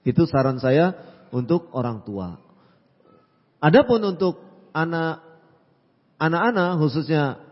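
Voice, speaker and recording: Calm male preacher, high voice, echoey hall. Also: slightly rough, dull audio. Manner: calm, advising, repeats phrases with frequent "ya". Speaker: Islamic preacher answering questions. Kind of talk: religious Q&A lecture.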